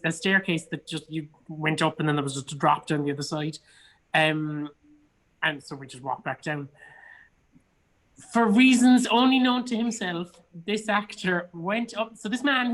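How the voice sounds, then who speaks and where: An actor from Cork, Ireland, chats casually and tells anecdotes as an interview guest. His Irish-accented voice is high and a bit bright, and the audio quality is poor.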